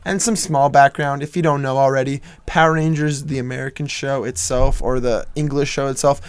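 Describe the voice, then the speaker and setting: On a laid-back movie podcast, this young co-host chats loosely, cursing, laughing and joking readily. He has a smooth, medium-pitched voice with fairly even intonation, recorded without echo.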